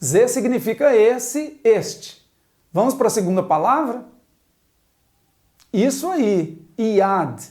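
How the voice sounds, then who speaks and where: Her pitch is fairly high and her tone dark, and she delivers the lesson expressively, slowly, with frequent pauses. The woman, a Hebrew teacher, works at a board, breaking words into single sounds and asking the viewer to echo her.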